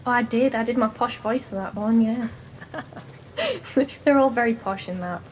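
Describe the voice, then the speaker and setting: A woman's voice: on the high side, normal speed, a little hiss or hum. A young woman, a guest on a podcast, chatting cheerfully and laughing often. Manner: giggly and cheerful. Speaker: ASMR artist and podcast guest. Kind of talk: casual interview chat.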